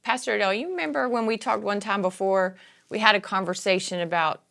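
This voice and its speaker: A woman's voice: mid-range voice, quick pace, creaky, a bit bright. A woman co-hosting a talk show. She explains things plainly, walking through practical details one point after another. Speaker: co-host. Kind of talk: casual talk-show chat.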